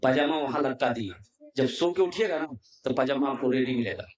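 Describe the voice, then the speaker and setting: A man's voice: mid-range voice, brisk, roomy sound, highs cut off. A male preacher from Kolkata at a religious gathering, telling a comic folk story into a stage microphone and acting out the lines of the people in it. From Kolkata, India. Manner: animated storytelling, acting out family members' lines. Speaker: Islamic preacher.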